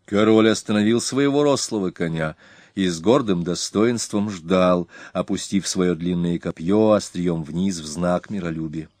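A man narrating a historical story aloud in a dramatic, expressive reading. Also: low voice, unhurried, dry recording, studio quality. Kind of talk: audiobook narration of a historical tale.

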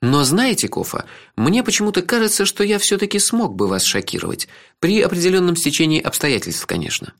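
A man voicing a wry young male hero who grumbles his lines in a low, dry way. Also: very animated, fairly quick, fairly bright tone, full character voice.

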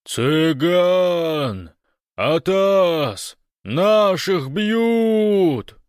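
Dude voicing a hyped-up big guy babbling fast over the radio, dry sound. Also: mid-range voice, animated, no echo, pitched above the performer's own voice. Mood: bellowing. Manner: hurried, jabbering. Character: big excitable man, eager radio buddy.

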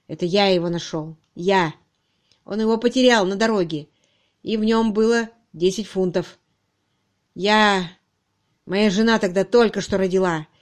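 A woman's voice: medium pitch, natural voice. A woman reading an audiobook, voicing a frightened young male constable who begs and pleads. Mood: confessing. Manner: pleading, desperate.

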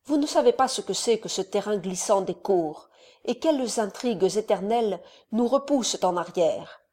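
A woman voicing a scheming older male count who speaks to his son in a measured, solemn, persuasive way. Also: mid-range voice, animated, dark tone, lightly acted.

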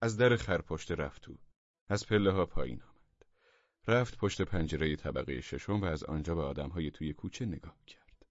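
A man reads a comic story aloud with a lively, swinging pitch. The recording is dry and close but slightly dull and lo-fi, with faint music underneath. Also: no echo. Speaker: narrator. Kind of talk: audiobook reading of a comic story.

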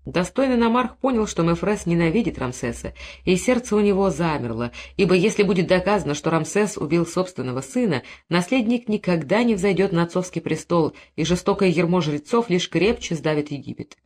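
A woman with a lowish voice narrates an audiobook. Her reading is even and expressive, steady throughout. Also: a little fast, hardly any pauses.

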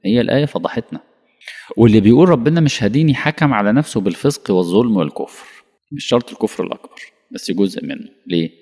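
Egyptian male preacher, low-pitched and rapid, animated with rhetorical questions, recorded in a hall with long reverb. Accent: Egyptian Arabic. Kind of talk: colloquial religious lesson.

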